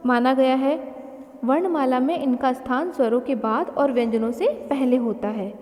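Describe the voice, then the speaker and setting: A woman teaching a grammar lesson, explaining slowly and carefully with spoken examples. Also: sits high, a little mellow. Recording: long reverb.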